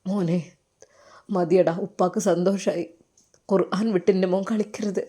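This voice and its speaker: A fond older male religious teacher in a storybook tale, put on by a woman narrator. His Malappuram Malayalam accent carries a gentle, fatherly hush. The voice sits fairly high. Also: lively intonation, normal speed, close to an everyday voice. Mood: tender.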